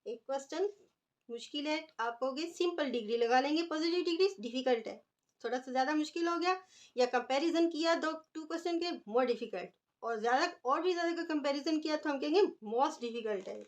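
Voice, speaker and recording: A woman's voice: sits high, brisk. A woman teaching an English grammar lesson, explaining patiently and stretching out example words as she writes them.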